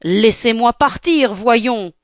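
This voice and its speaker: A woman's voice: fairly high pitch, slow pace, no room sound. A woman voices a weary king's servant who keeps his manners while losing patience. Curt and clipped, a little raised. Dry and close. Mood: exasperated. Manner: curt, exasperated politeness. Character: weary king's servant, polite but annoyed.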